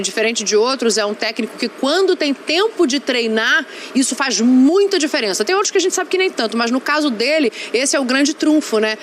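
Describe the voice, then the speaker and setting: A woman with a Brazilian accent on a studio sports debate panel, making her points briskly and assertively. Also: sits high, a bit bright, a little hiss or hum. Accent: Brazilian Portuguese.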